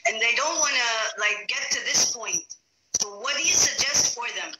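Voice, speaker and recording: A woman in her forties hosts a live phone stream, speaking English as a native Arabic speaker and hyping her guest with eager energy. Her voice comes through a phone held at arm's length, in a roomy space with clear hiss behind it. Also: on the high side, lively intonation, moderate pace, bright, forceful tone. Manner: enthusiastic, hypes the guest. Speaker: host of live-stream interview. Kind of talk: casual interview on a live video call. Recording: roomy noisy phone-mic audio.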